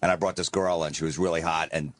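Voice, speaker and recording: A man's voice: low-pitched, flat delivery, fast talker, no room sound. A man on a radio talk show, telling a story and acting out both sides of the exchange. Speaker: comedian guest. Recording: loud background noise.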